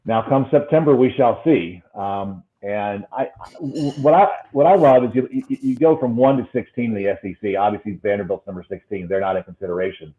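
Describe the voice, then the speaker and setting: A man's voice: lowish voice, brisk, few pauses. A man chatting about sports on a muffled Bluetooth earpiece that makes him sound like he is in a tunnel, rambling with many restarts. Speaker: sports show panelist. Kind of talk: casual sports chat. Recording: tinny phone-like earpiece line.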